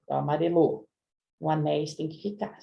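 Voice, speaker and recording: With the highs cut off, a woman's low voice comes through a little fast and flat, with vocal fry. She's a Portuguese teacher running a live online grammar review, speaking directly to students, frequently saying "né?" and checking in.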